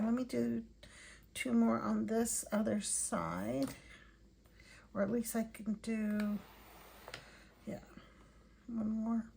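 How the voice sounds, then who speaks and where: A tired woman hosting an art channel, chatting softly and thinking aloud while she swatches paints at home. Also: fairly high pitch, gravelly, slight background noise. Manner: soft-spoken, unhurried, thinking aloud.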